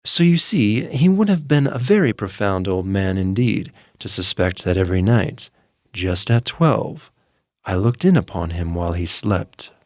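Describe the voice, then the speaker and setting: A man giving a scripted dramatic reading as narrator, confiding and intense, stretching out hushed words with a feverish edge. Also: lowish voice, animated, no room sound, clean studio sound. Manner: intense, confiding first-person telling with hushed drawn-out words.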